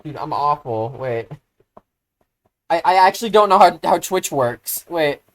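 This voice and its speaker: Casual live streamer, mid-range voice, chatty and self-deprecating, lots of "like" and "um", spikes into loud excitement. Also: mid-range voice, a little slow. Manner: rambling, filler-heavy, self-deprecating; easily excited, bursts into loud exclamations.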